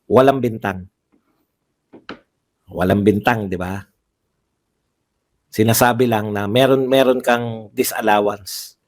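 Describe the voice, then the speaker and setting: A man's voice: on the low side, steady tone, takes it slowly, pauses often. A man giving heated livestream political commentary, firing off rhetorical questions and repeating phrases for emphasis.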